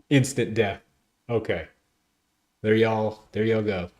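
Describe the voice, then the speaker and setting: A man streaming a video game, giving excitable, chatty commentary to his chat. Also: on the low side. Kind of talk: casual gameplay commentary.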